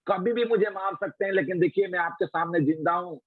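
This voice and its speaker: A man's voice: high voice, a little fast, dry recording, pitched above the performer's own voice. A man voicing a death god disguised as a small orphan boy who asks innocent questions. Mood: earnest. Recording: tinny phone-like dry sound.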